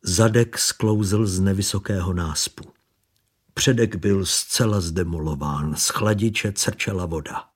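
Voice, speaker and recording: A man reading a story aloud as narrator, steady and measured. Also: on the low side. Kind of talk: audiobook narration.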